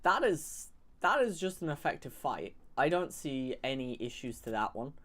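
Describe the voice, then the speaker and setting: A man talks through a strategy game in loose, rambling commentary, trailing off and restarting his sentences as he thinks out loud. He mocks the enemy with dry sarcasm. His pitch sits in an ordinary middle range. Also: big pitch swings, normal speed. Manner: rambling, sarcastic, self-correcting. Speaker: gaming YouTuber.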